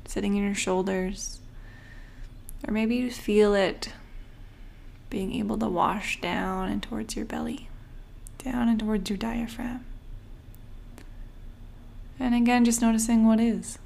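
A woman guiding a breathing meditation as a coach, soothing and unhurried, with long pauses and a breathy voice that often trails toward a whisper. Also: medium pitch, steady tone, darkish tone.

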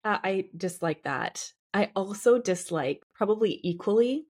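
A woman co-hosting a podcast and working as a coach, talking in a reflective, halting way with many fillers. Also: medium pitch, animated, a little mellow, breathy edge. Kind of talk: casual podcast conversation.

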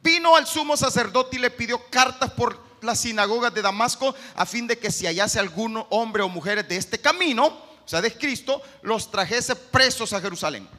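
A man preaches in a high, bright voice that climbs and falls all over. His voice rings with a long reverb in a church hall. He swings between loud urgent bursts and low quiet stretches. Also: lively intonation, moderate pace. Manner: preaching with sharp swings in pitch and loudness. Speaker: pastor. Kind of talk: sermon.

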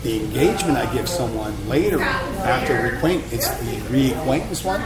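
A Philadelphia-accented man hosts a casual, radio-style chat, rambling and teasing at a moderate pace. His medium-pitched voice has lively intonation. A loud crowd fills the roomy venue.

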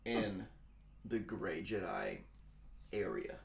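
A man co-hosting a podcast in casual chat, calmly explaining his view. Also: low-pitched, takes it slowly, creaky, roomy sound. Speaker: podcast co-host.

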